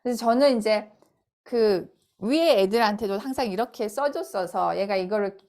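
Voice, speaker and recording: In a casual spoken style, a middle-aged woman with a mid-range voice gives a phonics lesson. She explains things slowly and repeats the sounds out loud as models.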